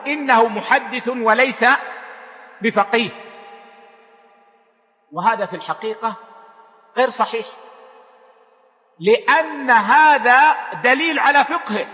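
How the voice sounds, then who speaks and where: High bright-voiced man lecturing in a reverberant hall. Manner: explanatory, restates points with glosses. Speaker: lecturer on Islamic history. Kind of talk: religious lecture.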